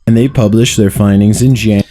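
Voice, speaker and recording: A man with a very mellow, dark, lowish voice reads scripted countdown narration. He tells the stories in a measured way and drops eerie rhetorical questions. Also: steady tone. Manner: measured storytelling with spooky questions. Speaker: narrator of a paranormal countdown video.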